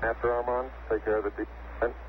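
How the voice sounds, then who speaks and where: A man's voice: mid-range voice, flat delivery. Man calling numbers over space radio. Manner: terse, rapid numeric callouts. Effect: crackly space radio transmission with beeps. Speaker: spacecraft crew member. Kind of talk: radio communications. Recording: tinny, noisy archival radio link.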